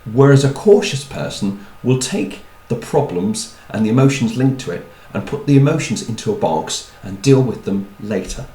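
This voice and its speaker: A man's voice: medium pitch, expressive, normal speed, hardly any pauses, warm tone, echoey room, poor audio. A man giving a chatty talk on personality types, with wry asides and repeated words. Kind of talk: talk to an audience.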